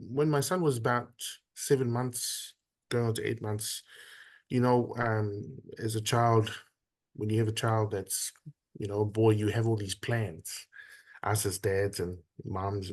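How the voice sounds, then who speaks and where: A man from Samoa in his thirties, speaking on the low side as an interview guest. He talks in a measured, unhurried way, pausing often as he thinks. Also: level tone, a little mellow. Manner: measured storytelling with frequent pauses. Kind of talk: conversational interview.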